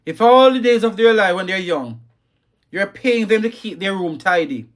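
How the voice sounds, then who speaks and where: A man's voice: sits high, expressive, normal speed. A man hosting a live talk on parenting, emphatic and scolding, repeating his key lines and reading viewer comments. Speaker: livestream host.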